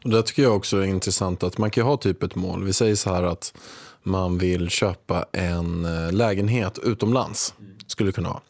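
Low-voiced man hosting a casual chat. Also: darkish tone, dry recording, studio quality. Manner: conversational, thinking aloud. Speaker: podcast host.

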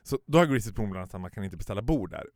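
A man, telling an animated story in a casual podcast chat and mixing in English phrases. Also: lowish voice, dry recording, studio quality. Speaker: podcast co-host.

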